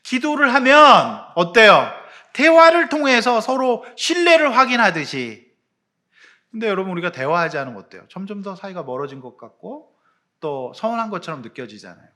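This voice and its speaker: A man preaching a Sunday sermon as pastor, lively and emphatic, dropping into quiet acted prayers. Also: sits high, normal speed. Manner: animated preaching, swinging from loud emphasis to hushed prayer voices.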